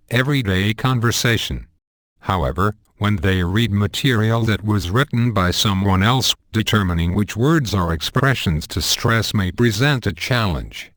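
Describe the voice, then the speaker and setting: A man with a fairly low voice reads a teaching text in a measured, deliberate way. The delivery is earnest and carefully paced. The recording is dry and close, with no room sound. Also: a bit bright, no echo. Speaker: narrator. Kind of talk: scripted instructional narration.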